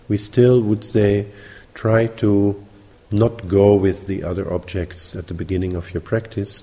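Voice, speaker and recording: A man with a mixed British, Dutch and Sinhalese accent, teaching meditation at a retreat in measured, explanatory phrases with pauses. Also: low voice, mellow. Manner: measured, explanatory, pausing between short phrases. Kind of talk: spoken retreat instruction. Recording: reverberant hall.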